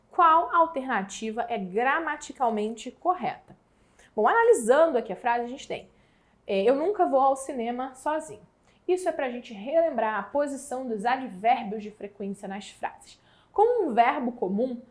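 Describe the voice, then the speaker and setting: In an exam prep English class, a woman from Brazil speaks in a high voice with a Brazilian Portuguese accent, drawing the example words out slowly.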